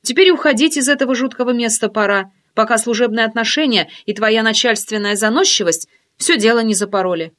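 A woman's voice: fairly high pitch, a little fast, hardly any pauses. A woman reading as a brash, teasing girlfriend. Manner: bossy, joking, lively scolding. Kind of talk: audiobook character voice.

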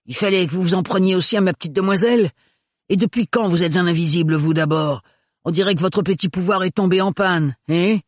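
Guy voicing a big rough mechanic, blustery and loud, husky, dry close sound. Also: sits high, moderate pace, no room sound, voice pushed up. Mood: taunting. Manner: loud, rough and working-class. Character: burly rough-spoken male mechanic, blustering.

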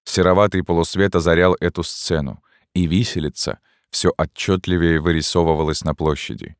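A man narrating a classic novel as an audiobook in a measured, steady storytelling manner. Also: deep voice, dry recording, clean studio sound. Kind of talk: scripted narration.

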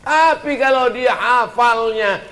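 A man giving an animated religious lecture as a preacher, breaking into slow chanted recitations. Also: very high-pitched, roomy sound. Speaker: Islamic preacher.

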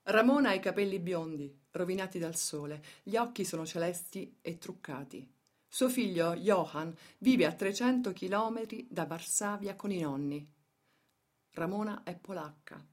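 A woman with a fairly low, expressive voice narrates a scripted documentary for radio theatre. Her reading is dramatic, measured, and emphatic, with pauses setting phrases apart.

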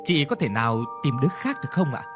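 A man's voice: medium pitch, sing-song, quick pace, music in the background, close to an everyday voice. Man voicing a sly second wife. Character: scheming younger second wife, soft-spoken.

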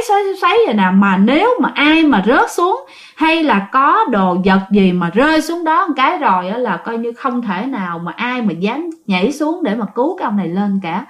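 Woman, casual ghost story narration, chatty, talks to listeners, higher-pitched. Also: sing-song, fairly quick, fairly bright tone. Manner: chatty, addresses listeners directly.

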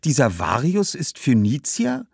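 A woman's voice: rumbling low, huge pitch swings, measured pace, gravelly, slightly rough, no room sound, studio quality, pitched above the performer's own voice, heavily acted. A man voicing Herodias, a weary Roman woman who meets news with disbelief. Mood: skeptical. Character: skeptical, weary Roman woman, quick to sigh.

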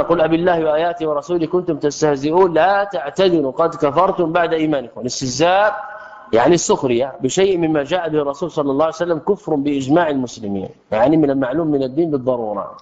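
A man teaching an Islamic text in a religious lecture, speaking emphatically and posing rhetorical questions to his audience. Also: a little high. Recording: echoey hall, dull lo-fi sound.

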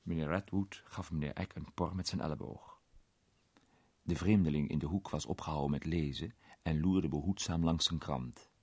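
A man's voice: extremely low pitch, normal speed, slightly rough, no echo. A man reading a crime story aloud, narrating expressively and doing all the characters. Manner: expressive, does all the voices.

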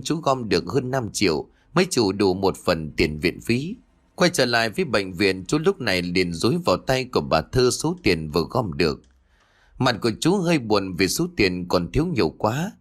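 Expressive low-voiced male storyteller. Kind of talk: dramatic story narration.

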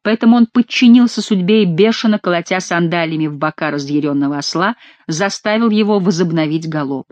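A woman narrating an adventure audiobook, reading in a lively, expressive storytelling manner. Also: on the low side, fairly quick, dry recording. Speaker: audiobook reader.

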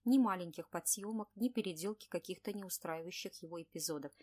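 A woman narrating an audiobook in an even, measured reading voice. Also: on the low side.

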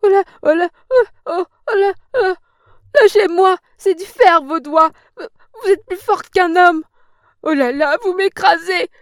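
A woman's voice: fairly high pitch, moderate pace, darkish tone, clean tone, no room sound, clean studio sound, close to an everyday voice. A woman reading an audiobook, voicing a fat, coarse old procuress with an oily, throaty voice who blusters, then shrieks and whimpers in fear. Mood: shrieking.

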